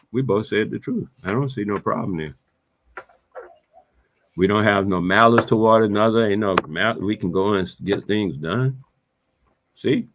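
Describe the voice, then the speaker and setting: Man, solo vlog monologue; animated, sing-song emphasis, preachy and repetitive, relaxed street-casual phrasing. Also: fairly low pitch, a little hiss or hum. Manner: casual vernacular. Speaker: vlogger. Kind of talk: reflective monologue.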